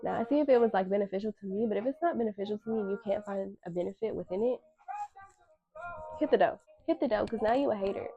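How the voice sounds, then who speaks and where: A woman's voice: medium pitch, fast talker, dark tone, lo-fi sound, soft background music. A woman in her twenties hosting a casual solo talk, candid and slangy, with emphatic repetition. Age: 20s. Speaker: podcast host.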